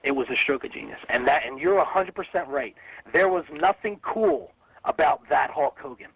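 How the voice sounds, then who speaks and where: A man with a gravelly voice, a wrestling insider chatting casually and giving opinions in an interview. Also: a little high, animated, normal speed, no room sound. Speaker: interview guest from the wrestling business. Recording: muffled phone interview, faint noise.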